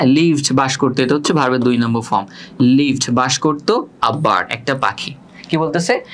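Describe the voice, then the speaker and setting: Man, Bangladeshi Bengali accent, online English lesson, slow read-aloud of English words, frequent check-ins. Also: on the high side. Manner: checks in often with a questioning tag, reads English words slowly. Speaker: English tutor. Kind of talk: online lesson explaining a passage.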